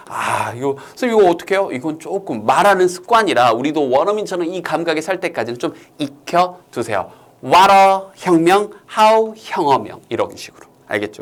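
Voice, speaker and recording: A male English teacher gives an online reading lesson, his voice sitting a little high and swinging widely in pitch. He reads English sentences slowly and carefully, then breaks into lively explanation, now and then acting out a child's lines. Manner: animated, acts out lines in a childlike voice.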